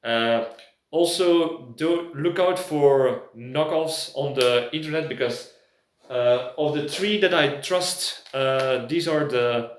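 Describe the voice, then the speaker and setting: A prepper video host from Belgium talks through a casual product review in English, his non-native language, hesitating as he searches for words. He speaks slowly at medium pitch, and the echoey room recording carries a little hiss or hum.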